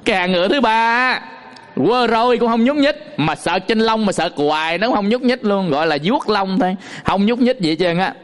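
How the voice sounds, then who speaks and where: High-voiced Southern Vietnamese monk preaching. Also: male voice, moderate pace. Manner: lively storytelling, acting out examples with laughs. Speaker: Buddhist monk teacher. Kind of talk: Buddhist sermon.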